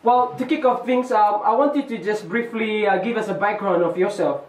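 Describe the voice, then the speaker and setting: A man's voice: sits high, normal speed, a little hiss or hum. A teenage boy with a New Zealand accent hosting a school show, using formal, stock interviewer phrases. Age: teens. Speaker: student host of a school boarding-house show. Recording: echoey room, mic far off.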